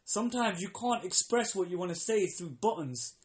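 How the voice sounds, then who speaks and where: A man's voice: sits high, expressive, normal speed. A young man co-hosting a podcast, chatting casually and acting out phone calls in exaggerated voices, swearing freely. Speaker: podcast co-host. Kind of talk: casual chat.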